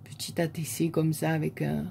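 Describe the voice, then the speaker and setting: A woman with a southern French accent, a scrapbooking vlogger softly admiring crafts one by one in a casual show-and-tell chat. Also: low voice, completely flat delivery, moderate pace, gravelly, a little hiss or hum.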